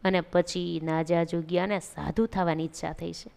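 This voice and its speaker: Woman, Gujarati accent, devotional storytelling sermon, expressive, very clear resonant tone. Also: fairly low pitch, moderate pace. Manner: expressive, acts out quoted devotees in a pleading voice. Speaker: religious storyteller.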